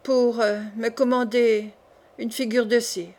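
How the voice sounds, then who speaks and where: A woman's voice: on the high side, steady tone, measured pace, darkish tone, close to an everyday voice. A woman reading the part of a frightened older male witness in an audiobook, hesitant and faint.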